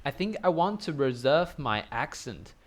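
A man from Taiwan speaking English with a British-influenced accent, a guest in a casual interview chat, using simple phrasing and pausing to search for words. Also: a little high, very animated, crowd noise. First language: Taiwanese Mandarin.

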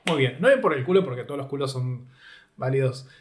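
A man's voice: mid-range voice, brisk, a little hiss or hum. A man with an Argentine accent, co-hosting a live podcast, joking and teasing the others. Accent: Argentine Spanish. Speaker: podcast co-host. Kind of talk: chaotic casual chat on a livestream.

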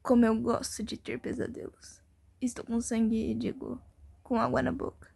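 Husky, creaky little vampire horror fan. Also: female voice, on the high side, little pitch movement, normal speed, darkish tone, full character voice. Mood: sinister relish. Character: ghoulish vampire-minded child who relishes nightmares. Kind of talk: children's horror audio drama.

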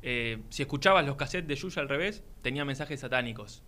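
A man's voice: medium pitch, expressive, brisk, bright, forceful tone. A man with an Argentine accent, co-hosting a sports talk show in a dry, teasing way. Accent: Argentine Spanish. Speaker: sports journalist co-host. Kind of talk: casual chat.

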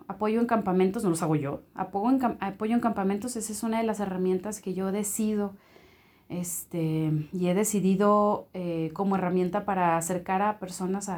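Woman telling a faith story. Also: a little high. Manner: animated storytelling with lively acted-out quotes. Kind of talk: personal faith testimony.

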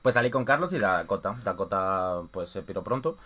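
A man's voice: on the low side, a little fast, breathy edge. A young man from co-hosting a casual podcast, laughing often and telling stories with energy. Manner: laughs often, animated storytelling. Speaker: podcast co-host.

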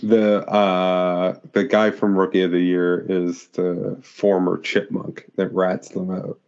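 A man's voice: low-pitched, flat delivery, takes it slowly, vocal fry, a little mellow, smooth, dull audio. A man co-hosting a casual movie discussion, rambling with many fillers and restarts. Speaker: podcast co-host.

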